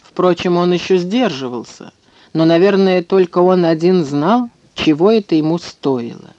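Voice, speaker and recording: Male narrator, high pitch, dark tone, expressive audiobook reading, dry dull lo-fi sound. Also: normal speed, dry recording.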